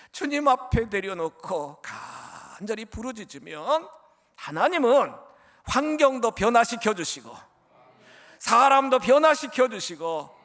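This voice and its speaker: Male preacher, high and very animated, fervent delivery that jumps from shouting to whispering. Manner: impassioned, swinging from shouts to whispers; keeps addressing the congregation. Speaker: pastor. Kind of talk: sermon.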